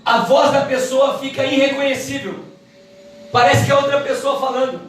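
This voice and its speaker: A woman gives a church Bible lesson with quick, emphatic, preacherly delivery. Her voice comes from some way off the mic, and a big, ringing room echo surrounds every word, with faint background hiss underneath. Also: sits high, fairly even intonation. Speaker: Bible teacher. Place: church hall. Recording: echoey hall, mic from far off.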